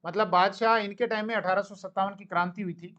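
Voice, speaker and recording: This muffled recording captures a man teaching history to a class, his high voice steady, fast, and slightly bright. His delivery is conversational and story-driven: he performs bits of dialogue and regularly asks questions that he then answers.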